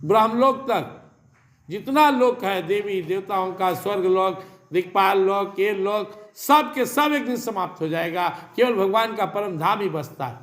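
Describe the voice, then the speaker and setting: A man's voice: high voice, measured pace, fairly bright tone, echoey room. A man giving a spiritual sermon, reciting Sanskrit verses and explaining them with rhetorical questions and repetition. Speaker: spiritual teacher.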